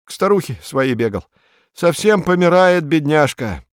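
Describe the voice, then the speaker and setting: A man voicing a cheeky trickster rabbit who calls out high and tells sly fibs. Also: sing-song, measured pace, clear, resonant tone, no room sound, clean studio sound. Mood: sly, mock-sad. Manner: high, bright calling, sly lying.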